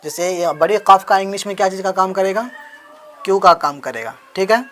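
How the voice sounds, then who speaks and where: A man's voice: high-pitched, a little fast, bright, forceful tone, slight background noise. A man teaching Urdu handwriting, patiently spelling out letters one by one and answering his own questions as he writes. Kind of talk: explanatory handwriting lesson.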